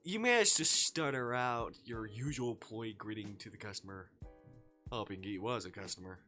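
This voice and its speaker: A man's voice: fairly low pitch, moderate pace, pushed and bright, faint music behind. A man streaming live, reading a fan fiction story aloud in second person and breaking into playful asides.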